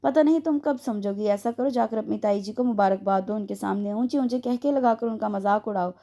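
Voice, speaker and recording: A woman's voice: mid-range voice, a little fast, dark tone, lightly acted. A woman voicing a bitter, harsh young man. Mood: angry. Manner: harsh and cutting.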